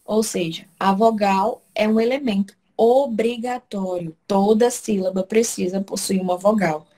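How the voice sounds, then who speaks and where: A woman's voice: mid-range voice, steady tone, a little slow, warm tone. Woman, teacher, online lesson, step-by-step explaining, frequent check-ins with students. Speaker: Portuguese teacher. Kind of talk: online class lecture.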